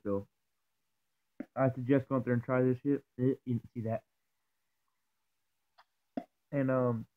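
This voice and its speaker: A young man with dip tucked in his lower lip, talking in a loose, profane, rambling way in a casual vlog. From Georgia, US. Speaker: vlogger. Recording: tinny phone-like audio.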